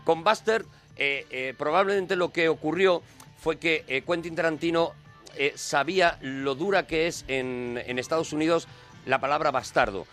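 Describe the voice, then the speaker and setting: A man's voice: on the high side, normal speed, a bit bright, soft background music. A man from Spain with a Spanish accent, co-hosting a radio show and explaining at length with many fillers and restarts. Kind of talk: casual radio chat.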